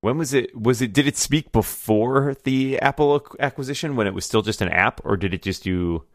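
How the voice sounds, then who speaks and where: A man's voice: mid-range voice, a little fast, no room sound, clean studio sound. A man hosting a podcast in casual chat, telling stories animatedly and laughing often. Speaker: podcast host.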